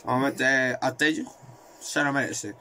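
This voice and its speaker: A man commentating his own football video game, excitable and swearing, repeating words in rapid bursts. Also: medium pitch, background noise. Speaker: gaming video creator.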